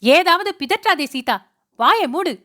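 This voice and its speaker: A woman's voice: sits high, expressive, normal speed. A woman voicing a stern, short-tempered young husband who barks harsh commands in a storybook reading. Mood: angry.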